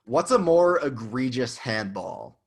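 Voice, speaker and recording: Young male co-host, animated pitch, teasing and argumentative sports banter. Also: slow. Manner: argumentative, teasing, laughs easily. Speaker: podcast co-host. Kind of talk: casual sports podcast chat.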